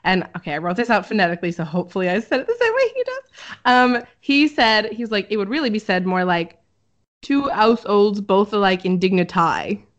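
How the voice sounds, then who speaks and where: A woman's voice: mid-range voice, big pitch swings, fast talker, a bit bright. A woman co-hosting a podcast in casual chat, explaining at length with many "um"s. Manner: chatty, filler-heavy, explaining. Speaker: podcast co-host. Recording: dull lo-fi audio.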